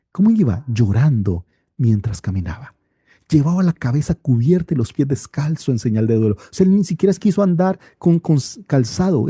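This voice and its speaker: A man teaching a Bible study class, reading passages aloud and pausing often for rhetorical questions and drawn-out exclamations. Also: a little high, creaky, dark tone, husky, no room sound, studio quality.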